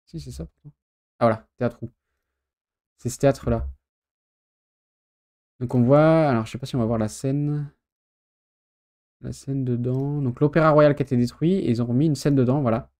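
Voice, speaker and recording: A man's voice: medium pitch, normal speed, long pauses, a little mellow. A man chatting casually while reacting to a video, thinking aloud and hesitating often. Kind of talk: casual chat.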